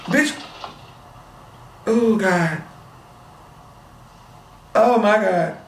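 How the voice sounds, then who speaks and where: A man's voice: high voice, very slow, recorded from a distance. Brash young man reacting, roomy sound. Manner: brash, dramatic, swears and shrieks. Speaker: reaction video host. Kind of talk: loud reaction commentary.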